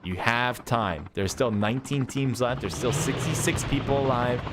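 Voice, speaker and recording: A man doing live play-by-play commentary on an esports match, calling action quickly and excitedly with chatty asides to himself. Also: medium pitch, music in the background. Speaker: esports caster. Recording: game gunfire and vehicles behind voice.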